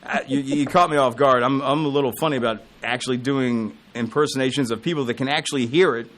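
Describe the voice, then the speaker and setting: A man's voice: mid-range voice, quick pace, a bit bright. A man hosting a radio show in casual studio banter, chatty and self-deprecating. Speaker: radio host.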